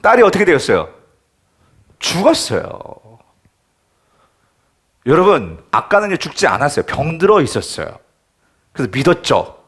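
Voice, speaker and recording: Male pastor, sermon, emphatic, rhetorical questions, lively swinging pitch. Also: normal speed, pauses often, husky. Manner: asks the congregation questions, emphatic. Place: church.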